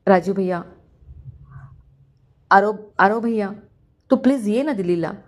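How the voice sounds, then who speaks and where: A woman voicing an excited, eager young man who makes promises to his older brother, in a storybook reading. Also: medium pitch, a little slow, close to an everyday voice.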